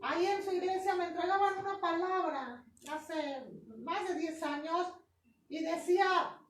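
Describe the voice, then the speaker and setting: A woman pastor preaching in a very high voice. She repeats her points with emphasis, keeps checking in with the congregation and draws key words out in a half-sung cadence. The recording comes from an echoey church hall with the mic well away from her. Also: measured pace, far from the mic. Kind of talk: sermon with personal testimony. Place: church sanctuary.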